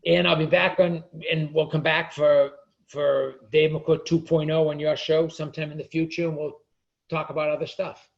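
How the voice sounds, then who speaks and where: Male author guest, gravelly voice, passionate rant, slightly muffled audio. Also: on the high side, level tone, normal speed. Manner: passionate, ranting, repeats words. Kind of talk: casual interview chat.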